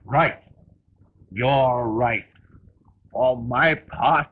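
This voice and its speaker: A seething conspirator in an early talkie. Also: male voice, mid-range voice. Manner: slow, seething toasts and threats. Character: bitter male conspirator plotting murder. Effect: early talkie film sound. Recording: tinny, hissy 1930 film soundtrack.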